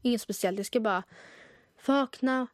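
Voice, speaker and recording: A young woman co-hosting a podcast, telling stories in a chatty, animated way with lots of fillers. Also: a little high, no room sound, clean studio sound. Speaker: podcast co-host. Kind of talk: casual chat.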